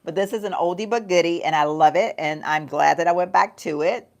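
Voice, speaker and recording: This middle-aged beauty vlogger has a lowish, slightly mellow voice and talks fairly quickly. Livestreaming a get-ready-with-me session from home, she laughs often, says y'all to her viewers, and chats casually about her makeup.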